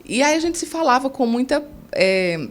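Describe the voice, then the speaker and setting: A middle-aged woman with a Paraíba accent talks with a fairly high, very animated voice. She is a chatty podcast guest who teases and laughs often in relaxed interview conversation. Her pitch swings widely as she tells her stories. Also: normal speed. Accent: Paraíba Northeastern Brazilian. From Campina Grande, Paraíba, Brazil. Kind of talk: casual interview chat.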